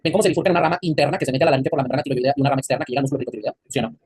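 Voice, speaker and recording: A man's voice: mid-range voice, very fast, darkish tone, husky, no room sound. A man with a Mexican accent teaching an anatomy class, quizzing his students and joking in crude slang. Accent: Mexican Spanish. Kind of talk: classroom lecture.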